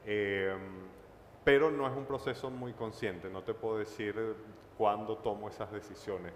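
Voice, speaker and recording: A man's voice: lowish voice, steady tone, a little slow. A man from Caracas with a Venezuelan accent, speaking thoughtfully and hesitantly as a writer on a panel, with many fillers and tag questions. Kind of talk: panel talk at a book fair. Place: large hall at a book fair. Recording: echoey hall with faint noise.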